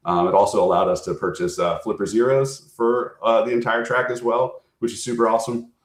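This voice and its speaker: An American man giving an informal recruiter pitch as a program manager, talking conversationally and often checking in with his listeners. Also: fairly even intonation, a little fast. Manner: conversational, frequently checking in with "right?". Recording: echoey, roomy sound.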